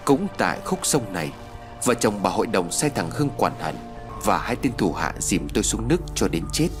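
A man's voice: fairly low pitch, big pitch swings, normal speed, music in the background. A man voicing the vengeful ghost of a young man in an audiobook story, in a mocking, sneering manner. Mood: cold.

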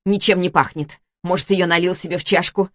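A woman voicing a calm woman who explains things in a matter-of-fact way. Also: on the low side, a little fast, no room sound, studio quality, lightly acted. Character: calm woman backing her friend up.

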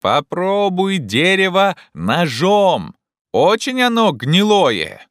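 A man voicing an excitable, feverish gentleman who shouts with loud urgency. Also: sits high, slow, no echo, studio quality, voice pushed up, full character voice. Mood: agitated shouting.

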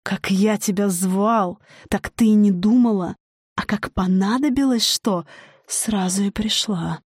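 A woman's voice: medium pitch, measured pace, darkish tone, breathy edge, no room sound, clean studio sound. A woman voicing a cruel, wolf-like male forest spirit who growls his demands in a storybook reading. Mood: mocking.

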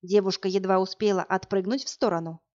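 A woman narrating a fantasy novel in an even, measured storytelling voice. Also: medium pitch, muffled recording. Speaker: audiobook reader.

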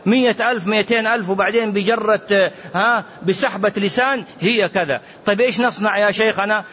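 Earnest scholar, dull lo-fi recording. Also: male voice, high voice, brisk, fairly bright tone, husky. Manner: earnest preaching, mixes classical and dialect, quotes others. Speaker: Islamic scholar answering questions. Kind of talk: religious Q&A lesson with colloquial asides. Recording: dull lo-fi recording with faint hiss.

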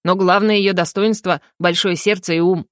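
A woman's voice: fairly low pitch, fairly even intonation, normal speed, no echo, natural voice. Grumpy little male hedgehog, snorting, storybook figure, woman reading, dry close sound. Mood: chatty. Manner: snorts "pfu" between phrases. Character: small grumpy male hedgehog, fond and sulky.

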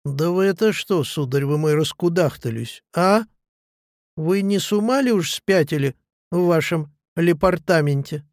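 A man's voice: a little high, lively intonation, unhurried, a little mellow, dry recording, studio quality. Man doing a sneering insolent hanger-on. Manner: mocking, needling.

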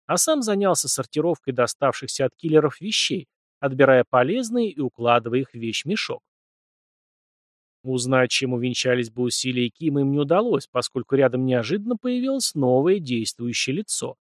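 A man's voice: medium pitch, no room sound. Man narrating an audiobook, dry. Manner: even, measured storytelling. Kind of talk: scripted narration.

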